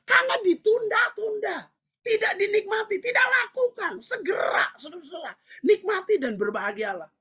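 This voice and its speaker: Seorang pendeta pria menyampaikan khotbah dengan penuh semangat, sering berseru dan tertawa di sela poin. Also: male voice, very high voice, moderate pace. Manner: animated, shouting and laughing between points. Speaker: pastor. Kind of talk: sermon.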